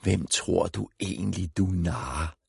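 A man's voice: deep voice, gravelly, darkish tone, slightly rough, no room sound, studio quality, exaggerated voice. A man voicing a sulky, dismissive teenage boy in an audiobook, with offhand replies.

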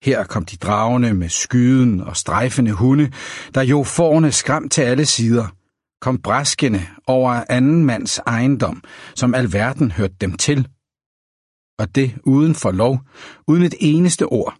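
A man reading a novel aloud as an audiobook narrator, in a measured, even storytelling manner. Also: mid-range voice, breathy edge, no room sound, studio quality.

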